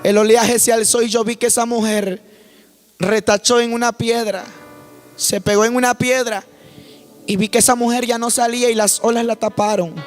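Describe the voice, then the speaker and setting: Fervent male preacher, high-pitched, testimony sermon with faint music underneath. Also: flat delivery, moderate pace. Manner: swells to shouting, speaks in tongues.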